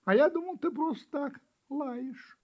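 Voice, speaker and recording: A man's voice: very high-pitched, unhurried, darkish tone, voice pushed up. A man voicing a small, naive, curious ginger kitten in a storybook reading, sounding earnest and puzzled. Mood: surprised.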